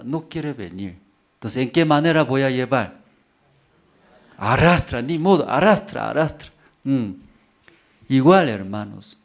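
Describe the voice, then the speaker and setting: Pastor guy preaching real slow, keeps repeating himself, broken simple spanish, lots of "who wins?" type questions to the crowd. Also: medium pitch. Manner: repetitive, emphatic, rhetorical questions. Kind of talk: sermon.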